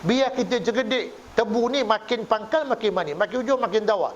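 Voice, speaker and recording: Malaysian preacher, high voice, lo-fi. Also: male voice, brisk. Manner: jokey storytelling, acts out both sides of a dialogue. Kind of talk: mosque sermon with anecdotes. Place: mosque hall. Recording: dull lo-fi recording with faint hiss.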